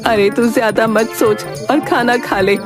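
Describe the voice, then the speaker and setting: A woman voicing a sharp-tongued, proud mother-in-law who taunts and mocks. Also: fairly high pitch, fairly even intonation, unhurried, over music, natural voice. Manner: taunting, sarcastic.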